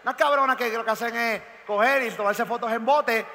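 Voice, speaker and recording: Loud crude puerto rican comedian, arena. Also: male voice, very high-pitched, fairly quick. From Puerto Rico. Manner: loud, crude, often shouting. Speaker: stand-up comedian. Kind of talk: live stand-up comedy. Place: large arena stage. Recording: reverberant arena with loud music.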